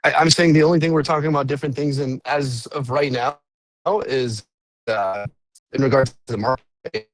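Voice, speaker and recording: A man talks haltingly in an online voice chat debate while his connection stutters into glitchy, robotic fragments. His voice sits in a middle register. The sound is dry and close, with no room around it. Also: mid-range voice, steady tone, dry recording, low-quality recording. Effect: glitchy robotic breakup from a dropping connection.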